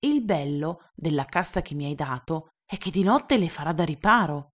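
A woman reading aloud and voicing a curious, gentle little boy from another planet who asks earnest, wondering questions. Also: sits low, animated, moderate pace. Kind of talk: storybook reading.

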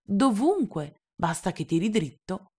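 A woman's voice: medium pitch, big pitch swings, a little slow, mellow, slightly rough, pitched above the performer's own voice. A woman reading aloud and voicing a proud grown man, a stranded pilot, with plain, matter-of-fact replies. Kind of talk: storybook reading.

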